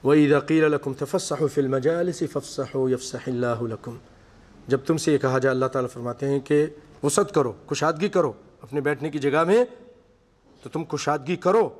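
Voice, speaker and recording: A man's voice: a little high, darkish tone. A man preaching a sermon to a seated congregation, reciting Arabic passages and then explaining them in vivid storytelling. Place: mosque hall with seated congregation. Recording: long echoey hall reverb.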